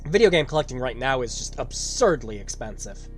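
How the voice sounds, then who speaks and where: A man's voice: mid-range voice, very animated, fairly quick, faint music behind. A man streaming a game, talking casually, laughing often and swearing. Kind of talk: casual let's-play commentary.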